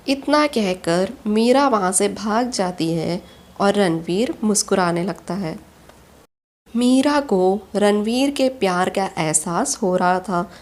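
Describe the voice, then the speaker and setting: A woman narrates a romance audio story at a slow, measured pace. Her pitch sits in the middle, and her telling is steady and unhurried.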